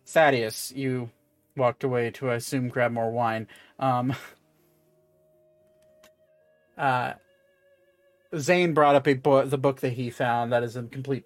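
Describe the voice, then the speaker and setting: This game master's tabletop narration comes in a halting, conversational style, and he keeps correcting himself. He speaks at a medium pitch, and the recording has no echo.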